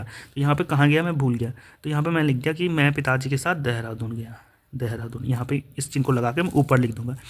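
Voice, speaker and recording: A man's voice: medium pitch, fairly bright tone. A man teaching an exam-prep grammar lesson, explaining step by step through worked examples. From India.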